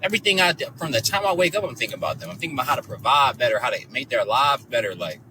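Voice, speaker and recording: A man in his thirties giving an animated, emphatic, profane commentary, full of rhetorical questions. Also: medium pitch, very fast, a little hiss or hum. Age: 30s. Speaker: social media creator reacting to a news story. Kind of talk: casual commentary clip. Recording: distant mic with clear background ambience and vehicle sounds.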